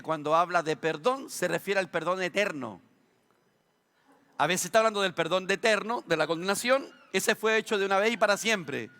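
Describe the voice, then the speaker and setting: A man's voice: sits high, sharp tone. A Chilean man preaching a sermon as a pastor, asking rhetorical questions and dropping humorous asides. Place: church sanctuary. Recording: long church hall reverb.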